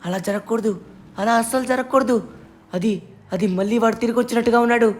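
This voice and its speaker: A woman's voice: a little high, steady tone, quick pace, close to an everyday voice. A woman voicing an anxious male superhero in a game role-play, talking urgently and repeating herself. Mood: alarmed. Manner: urgent, insistent, repeats himself. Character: anxious male superhero who knows the villain.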